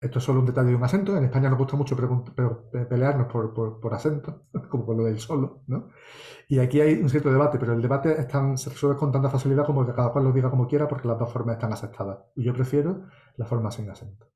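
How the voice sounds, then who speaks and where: A man's voice: medium pitch, quick pace, mellow, roomy sound. A man from Spain answering course questions as an astronomy lecturer, meticulous and explanatory, often checking in with tag questions. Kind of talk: online course Q&A.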